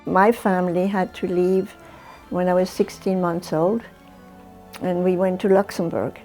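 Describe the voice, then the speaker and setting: A woman in her nineties from Germany, telling her life story in a slow, reflective oral history interview with small hesitations. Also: fairly low pitch, little pitch movement, dark tone, soft background music. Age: 90s. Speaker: Holocaust survivor interviewee.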